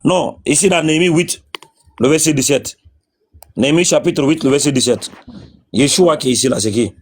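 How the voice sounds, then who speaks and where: Husky man pressing his point. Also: fairly high pitch, a little fast. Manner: insistent, repeats his questions. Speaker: debater. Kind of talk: religious debate on a call.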